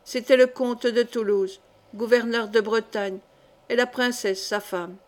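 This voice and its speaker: A woman reading a historical novel aloud as an audiobook, in measured, expressive narration. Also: fairly high pitch. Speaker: audiobook reader.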